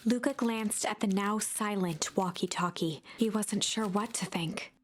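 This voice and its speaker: A woman's voice: medium pitch, a little slow, a little hiss or hum, natural voice. A woman reading scripted story narration for a game.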